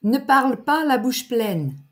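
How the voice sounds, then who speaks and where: Woman, unhurried language teacher, precise diction. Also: a little high, animated. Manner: deliberate, articulated teacher's delivery with pauses for exercises. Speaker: French teacher. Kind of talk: slow, clear grammar lesson.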